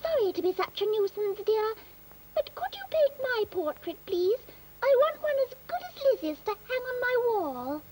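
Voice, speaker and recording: A woman's voice: extremely high pitch, very animated, moderate pace, darkish tone, poor audio. A woman voicing a vain, fussy young female apple in a children's puppet cartoon, gushing and calling everyone dear. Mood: pleading. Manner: gushing, self-admiring, calls others dear.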